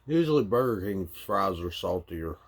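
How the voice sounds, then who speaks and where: Low-voiced laid-back Southern man. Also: animated, normal speed, vocal fry, husky. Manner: laid-back, brief replies between bites. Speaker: vlogger, mukbang co-host. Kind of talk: casual chat while eating.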